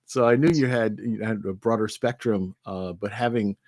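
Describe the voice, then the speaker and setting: A man's voice: lowish voice, moderate pace, darkish tone, no echo, studio quality. A man hosting a podcast interview, chatty and enthusiastic, often restarting his sentences. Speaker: podcast host. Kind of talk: conversational interview.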